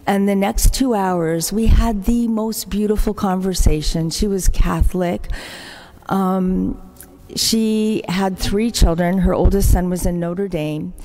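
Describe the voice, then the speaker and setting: A woman's voice: mid-range voice, fairly even intonation, slow. An older woman, a religious sister, telling stories of her community's work in an appeal at Mass, acting out the people she quotes. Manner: warm-hearted anecdotal storytelling, acts out quoted voices. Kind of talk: storytelling church appeal. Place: large church. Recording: echoey church hall.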